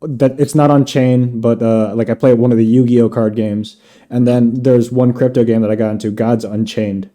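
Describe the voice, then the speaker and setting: A man's voice: mid-range voice, steady tone, normal speed, mellow. A man hosting a podcast, chatting casually and rambling with lots of fillers. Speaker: podcast host. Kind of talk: casual chat.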